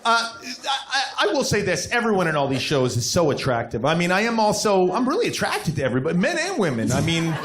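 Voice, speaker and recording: A man's voice: high voice, huge pitch swings, quick pace, hardly any pauses. Rambling man on a live stage. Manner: rambling, self-deprecating, lots of fillers. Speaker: podcast guest. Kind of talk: casual chat before a live audience. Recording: roomy live venue with loud crowd.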